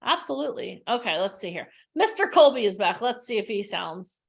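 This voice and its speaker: A woman's voice: medium pitch, big pitch swings, fairly quick, vocal fry. A woman hosting a livestreamed workshop over a video call, upbeat, chatty and playful. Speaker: host.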